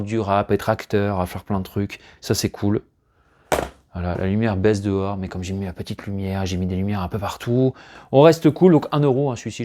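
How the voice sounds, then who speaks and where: A man's voice: on the low side, warm tone, a little hiss or hum. A man casually showing off his collection finds at home, rambling and hesitant, often chuckling. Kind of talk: casual unboxing chat to camera. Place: room at home, indoors.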